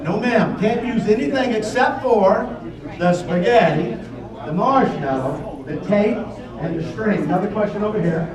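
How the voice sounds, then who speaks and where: Speaking at a moderate pace with a voice that sits high, a man presents a workshop in a folksy, joking manner, casually explaining a challenge to a group and repeating his questions. A crowd murmurs in the background of the large echoey indoor room, and he's recorded from a distance.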